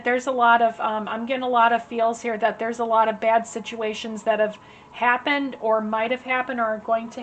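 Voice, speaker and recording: A woman giving a casual tarot reading, chatty and rambling with many fillers, her voice slightly hoarse as she is losing it. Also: on the high side, slight background noise. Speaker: tarot reader. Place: at home.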